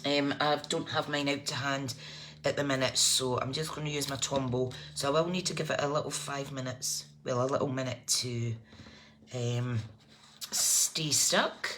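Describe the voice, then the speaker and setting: A woman's voice: extremely low pitch, steady tone, normal speed, a bit bright. A woman with a broad Scottish accent hosting a casual live craft tutorial, chatting informally and thinking aloud as she works. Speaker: crafting livestream host. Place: indoors at a craft table. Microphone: phone above the desk. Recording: clear background noise, clicks of handling.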